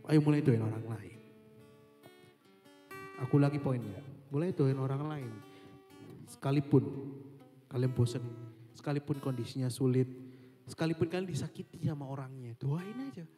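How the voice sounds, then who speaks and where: A man's voice: medium pitch, mellow. A young man, giving a casual devotional talk in a chatty way, often repeating a stock phrase and mixing in English. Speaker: youth devotional speaker. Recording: echoey hall with faint guitar.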